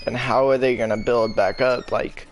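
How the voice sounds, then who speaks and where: A man co-hosting a podcast in casual chat, talking haltingly with lots of restarts and heavy swearing. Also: mid-range voice, fairly even intonation. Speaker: podcast co-host.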